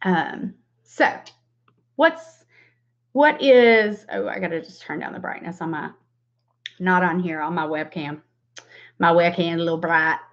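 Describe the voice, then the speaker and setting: A woman's voice: lowish voice, unhurried, pauses often. A woman in her forties with a Southern US drawl, chatting casually and rambling through a livestream makeup tutorial with self-deprecating asides. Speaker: beauty livestream host and makeup seller. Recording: dull lo-fi webcam stream.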